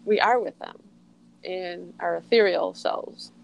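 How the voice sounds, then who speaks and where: A woman's voice: lowish voice, takes it slowly, creaky, a little hiss or hum, poor audio. A middle-aged woman talking in a reflective, rambling way as an interview guest, peppering her speech with "like.". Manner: rambling, heavy use of "like". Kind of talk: reflective casual conversation.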